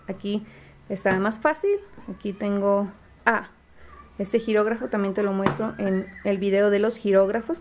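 A woman showing how she teaches her son to read at home, sounding out letters slowly and patiently with frequent fillers. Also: mid-range voice, a little mellow, a little hiss or hum. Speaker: homeschooling mother. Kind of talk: casual home teaching demonstration. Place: home, at a table.

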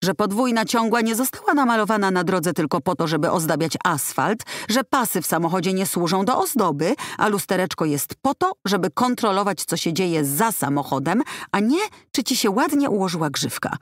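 Lady doing a dry mocking guy friend, deadpan, close and dry. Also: high voice, fairly quick, dry recording. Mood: teasing. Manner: deadpan teasing mutter.

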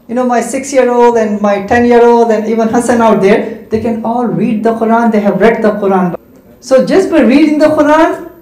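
A very high-pitched man with a darkish tone, his first languages Hindi and Urdu, answers questions from students as an Islamic speaker. Using a handheld mic in a large indoor community hall, he explains by enumerating points and checking in with "right?"; the room echoes.

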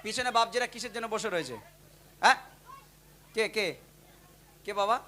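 A man's voice: high-pitched, normal speed. A man, teasing and joking with village children outdoors, calling them up one by one. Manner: teasing, joking, loud calls to the kids. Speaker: gojol singer talking to village children. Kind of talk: lively outdoor banter with children.

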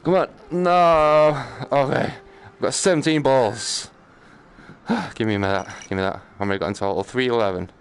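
A male gaming streamer with a medium-pitched voice speaks at a moderate pace, muttering and exclaiming to himself during casual live commentary. His tone is jokey and self-deprecating, and the recording has noticeable background noise with game ambience.

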